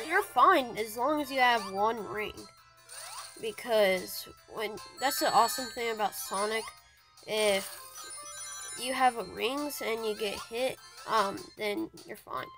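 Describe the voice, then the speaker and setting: A woman hosting a casual gaming video, chatting through her play with an excitable, grumbling manner. Her voice sits a little high, and she talks slowly and unhurriedly. Faint game music plays behind her. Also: low-quality recording. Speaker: gaming channel host.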